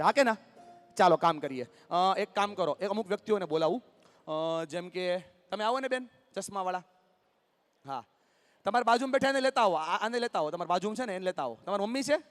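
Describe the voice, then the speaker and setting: A motivational speaker, talking live to an audience and coaxing and joking with the crowd. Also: male voice, high voice, animated, fast, long reverb tail, faint music behind. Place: large hall with live audience.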